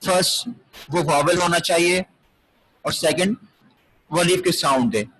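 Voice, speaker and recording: A man's voice: sits high, a little slow, a bit bright, low-quality recording. A man teaching an English grammar lesson, explaining step by step, repeating key words and asking rhetorical questions. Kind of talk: classroom grammar lecture.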